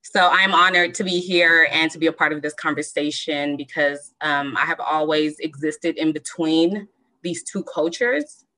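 A young woman from Southern California sharing her family story as a panel guest on a video call, measured with many pauses and ums. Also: sits low, sharp tone, poor audio.

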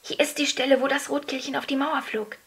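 A woman doing a hushed, breathy young girl. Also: a little high, steady tone, normal speed. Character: earnest secretive young girl.

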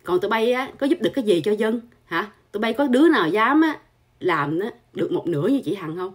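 Husky-voiced woman scolding. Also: mid-range voice, animated, fast talker. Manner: scolding, insulting, repeats filler particles. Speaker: channel host. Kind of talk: angry scolding monologue.

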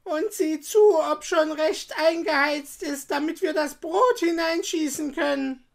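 A woman voicing a wicked, scornful old witch in a storybook reading, shrill and mocking. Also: a little slow, vocal fry. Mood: scolding.

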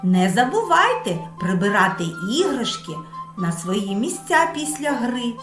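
A woman teacher speaks slowly to preschoolers, her pitch leaping up and down in a sing-song lilt as she stretches out words. The room is echoey, and faint music plays behind her. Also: sing-song. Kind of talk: slow lesson for small children.

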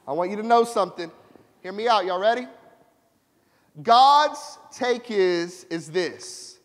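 Pastor, male, high voice, slow deliberate sermon delivery, call-and-response, recorded in a reverberant church. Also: animated. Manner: preaching with call-and-response to the congregation. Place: church sanctuary.

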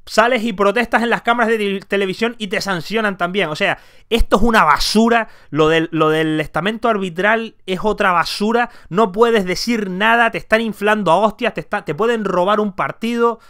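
A man's voice: high voice, normal speed, bright, forceful tone. Heated man ranting about football. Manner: heated, emphatic, swearing. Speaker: football commentator. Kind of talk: opinion vlog.

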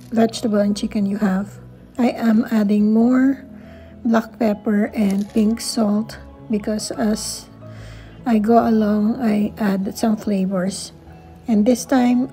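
In poor-quality audio, a middle-aged cooking vlogger with a Filipino accent narrates a recipe casually from her home kitchen, mixing Tagalog remarks into her English. She has a mellow, medium-pitched voice.

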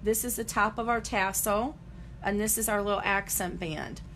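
A woman's voice: mid-range voice, fairly even intonation, moderate pace, a bit bright, a little hiss or hum. A woman giving a chatty live-stream embroidery demonstration, greeting viewers and talking through each step as she works.

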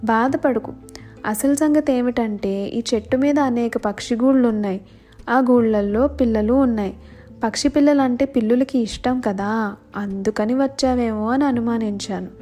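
Woman doing Jaradgavam, gruff old blind vulture. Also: fairly high pitch, moderate pace, mellow, close to an everyday voice. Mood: reassuring. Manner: blunt, threatening questions. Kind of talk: storybook voice acting. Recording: faint music underneath.

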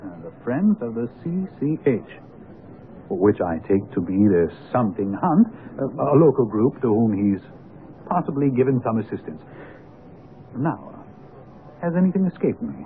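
An earnest gentleman doctor from a radio mystery. He is courteous, proper and a touch hesitant, with lively swings of intonation. The sound is narrow and phone-like, with faint noise underneath. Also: mid-range voice, moderate pace, long pauses. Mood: pleased, pondering. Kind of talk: 1970s radio drama acting.

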